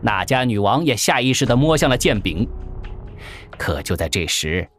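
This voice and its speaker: Animated male audiobook narrator. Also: on the low side, moderate pace, a little hiss or hum. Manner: animated, theatrical. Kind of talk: dramatic story narration. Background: faint background music.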